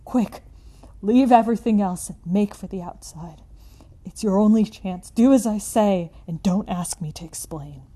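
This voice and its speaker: A man trapped deep in a crypt, shaken with terror, his voice trembling and desperate, as a woman reading a horror story puts him on. He sounds hoarse with fear and urgent, as if calling up from the dark. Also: fairly even intonation, takes it slowly, pauses often, exaggerated voice. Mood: frantic shouting. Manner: shaky fearful whispering.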